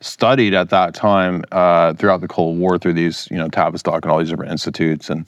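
A man's voice: sits low, flat delivery, a little fast, no room sound. A man giving casual, conversational political commentary as a podcast guest, explaining his opinions informally.

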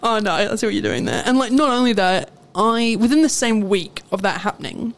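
A woman's voice: medium pitch, brisk. A young woman, co-hosting a podcast and telling workplace stories with frequent laughter. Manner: laughs often, animated storytelling. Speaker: podcast co-host. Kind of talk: casual storytelling chat.

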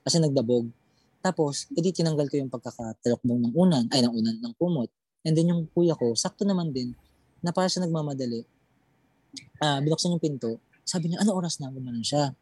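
A young adult telling a personal ghost story in casual conversation, halting and repeating words while recalling details. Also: medium pitch, warm tone, husky, no room sound.

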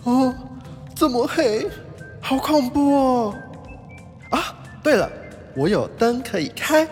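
A woman's voice: high-pitched, big pitch swings, slow pace, a little mellow, big-room sound, faint music behind, heavily acted. A woman voicing a small, eager, boastful little boy train engine in a children's story. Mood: timid. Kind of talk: storybook reading.

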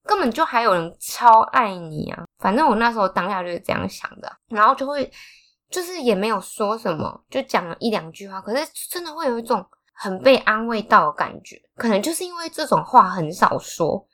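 A young woman with a Taiwanese Mandarin accent co-hosts a casual podcast chat, telling a personal story with emotion and laughing throughout. Her mid-range voice is a bit bright, fairly quick, and swings widely in pitch.

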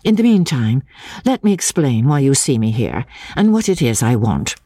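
Brisk good-humoured gentlewoman in a storybook, voiced by the narrator; forthright, lively, dry close sound. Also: medium pitch, dry recording. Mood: brisk polite. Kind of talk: audiobook character voice.

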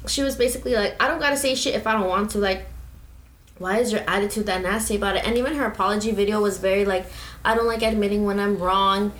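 A woman's voice: medium pitch, steady tone, quick pace, a bit bright, roomy sound, poor audio. A woman in her twenties, co-hosting a casual podcast from home, chatty and opinionated with lots of "like" fillers. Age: 20s. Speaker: podcast co-host.

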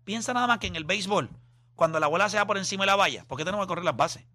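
A young man hosts a casual sports debate, pressing his argument with drawn-out, emphatic phrasing. His voice sits high and sounds very bright and forceful. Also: lively intonation. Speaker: sports podcast host.

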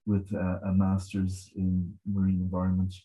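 A middle-aged man with a west of Ireland accent explaining his work in a conversational interview, measured and often repeating words as he goes. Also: deep voice, completely flat delivery, warm tone, poor audio. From Galway, west of Ireland. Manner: measured, hesitant repetition of words, frequent 'you know'. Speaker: marine scientist guest.

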